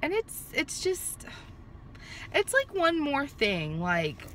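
With her phone at arm's length, a thirties-aged vlogger chats to the camera from a car parked in a sunny lot, rambling with lots of fillers and restarts. Her high-pitched, fairly bright voice swings hugely in pitch and moves slowly, over slight background noise.

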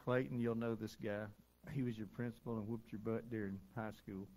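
A man's voice: on the low side, level tone, a little fast, a little mellow. A middle-aged man, preaching in a down-home, conversational way during a church service, telling stories with little chuckles. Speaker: pastor. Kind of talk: folksy sermon storytelling.

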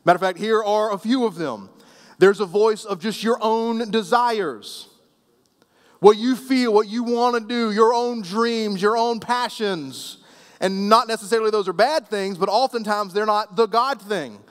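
A man preaching a sermon as pastor, conversational and playful with the congregation, often dropping soft and low at the ends of phrases. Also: unhurried. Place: church sanctuary. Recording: long reverb of a church hall.

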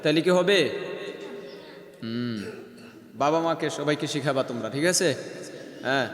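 Man, Quran teacher, class lesson, quizzing pupils, drawn-out chanted examples, echoey hall. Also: fairly high pitch. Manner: quizzes pupils, then slowly chants the words as a model. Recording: echoey hall with long reverb.

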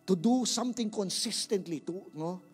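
Filipino pastor guy preaching, kinda high husky voice, repeats stuff, gets the crowd to say it back. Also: normal speed, soft background music. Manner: emphatic preaching, repeats words, calls for audience responses. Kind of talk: sermon. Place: church.

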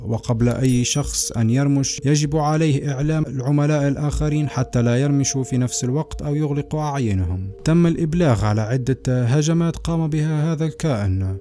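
A man's voice: mid-range voice, mellow. A man hosting and narrating scripted creepy stories. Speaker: channel host and narrator.

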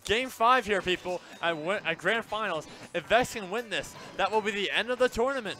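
Bright-voiced young male esports commentator. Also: sits high, animated, normal speed, faint music behind. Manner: laid-back, chatty, jokey. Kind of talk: live tournament commentary. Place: small game center room with shelves. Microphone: headset.

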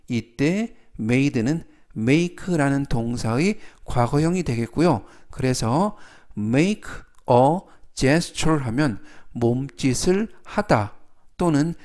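A man's voice: mid-range voice, a little mellow. A man teaching basic English words in Korean, repeating each word several times with care and explaining its meaning and usage step by step. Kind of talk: slow step-by-step vocabulary lesson.

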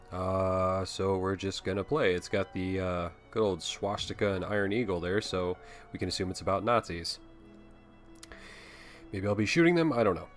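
A young man with a low, deep voice talks over a game in a loose, joking way. He swears casually and keeps an offhand tone, and a faint bed of music sits underneath. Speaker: host. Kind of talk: casual let's-play commentary.

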